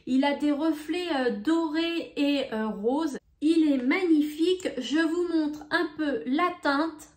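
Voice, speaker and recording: A woman showing beauty products in a casual vlog, talking in an unhurried, hesitant way with many fillers. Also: high voice, roomy sound. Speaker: beauty vlogger. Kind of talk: casual haul video.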